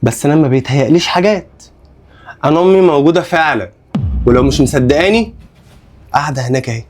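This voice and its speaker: Grief-crazed young Egyptian man, played by a man, rapid, lively pitch, web drama. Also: soft background music, natural voice. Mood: defiant. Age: young adult. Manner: agitated, pleading, repeating himself, shouting.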